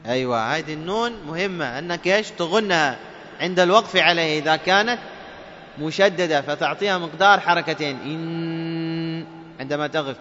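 A man's voice: a little high, pushed and bright, a little hiss or hum. Man teaching Quran recitation, echoey lo-fi. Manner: explains rules with quizzing questions, then chants examples slowly. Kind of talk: tajweed lesson. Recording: dull lo-fi sound with long reverb.

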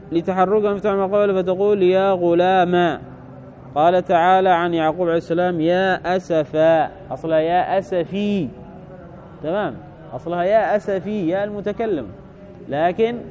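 A man teaching a classical grammar lesson, reading lines from a text and explaining them in a measured way, often checking that his students understand. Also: high voice, a little mellow.

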